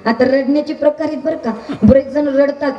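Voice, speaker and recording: A woman kirtan preacher from Maharashtra tells a devotional story in a high, bright voice. She keeps turning to the audience with questions. Her voice echoes through a large hall. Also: brisk, distant mic, muffled recording. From Maharashtra, India. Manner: animated, asks the audience questions.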